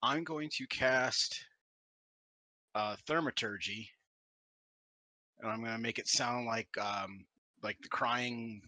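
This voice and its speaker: A man playing in an online tabletop game, talking slowly and hesitantly as he works out his turn. His voice is very bright and sits dry and close to the mic. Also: medium pitch, dry recording, poor audio. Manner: hesitant, thinking aloud. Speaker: player. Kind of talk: casual chat at the game table.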